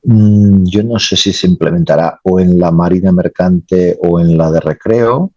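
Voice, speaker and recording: A man's voice: sits low, unhurried, warm tone, no room sound, highs cut off. A man, a naval engineer, answering interview questions casually and rambling, often adding tag questions.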